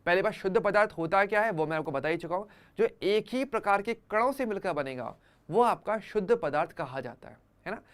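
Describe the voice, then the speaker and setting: A man's voice: sits high, lively intonation, fairly quick, fairly bright tone, clean tone. A man teaching an online chemistry class for exam students, conversational, using everyday examples and often checking that students follow.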